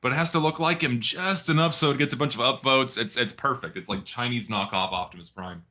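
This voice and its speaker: A man's voice: mid-range voice, a little fast, sharp tone. A man with a Texan accent giving casual, emphatic commentary on a livestream, repeating himself for stress. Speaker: streamer.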